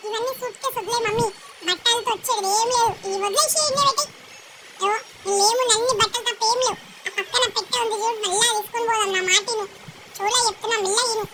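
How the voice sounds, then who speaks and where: A young girl, chatting excitedly and bossily, whispering secrets as she narrates a family vlog. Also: extremely high pitch, fast. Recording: loud background noise.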